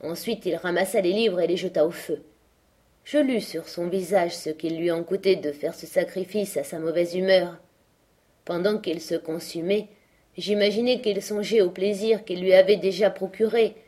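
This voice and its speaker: A woman reading a classic novel aloud as scripted narration, raising her voice for the quoted speech. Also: mellow. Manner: lifts her pitch and volume for quoted speech. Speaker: audiobook reader.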